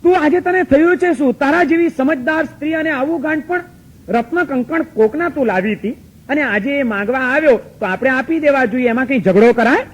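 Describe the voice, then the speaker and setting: Preacher doing a worried devoted husband for a sermon story, higher, pushed-up questioning voice. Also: male voice, fairly quick. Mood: incredulous. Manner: pleading, raised and urgent questions. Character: anxious, loving middle-aged husband.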